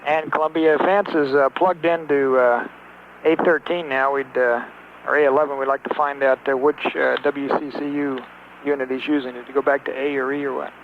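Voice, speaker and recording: A man at mission control talking to a spacecraft crew over a narrow-band radio transmission, in clipped, halting radio procedure with many fillers. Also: mid-range voice, flat delivery. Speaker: mission control capsule communicator. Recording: tinny radio link with faint hiss.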